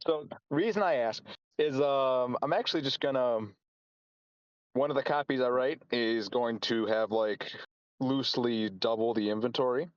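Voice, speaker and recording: A man chatting casually as a player in a tabletop role-playing game, haltingly talking through his plans. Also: medium pitch, dry recording, muffled recording. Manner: halting, repeats and reformulates as he plans.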